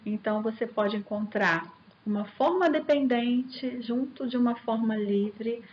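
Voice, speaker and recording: Slightly high-voiced woman teaching linguistics. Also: highs cut off, a little hiss or hum. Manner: explains step by step with repeated rhetorical questions; addresses viewers directly and warmly as students. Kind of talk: recorded online lecture over slides.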